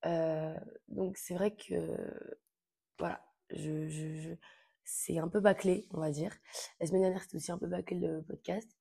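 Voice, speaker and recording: A woman's voice: fairly low pitch, fairly even intonation, a little slow, gravelly, warm tone, breathy edge. A young woman chatting casually to camera about books she wants to read, informal and full of fillers. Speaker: book vlogger.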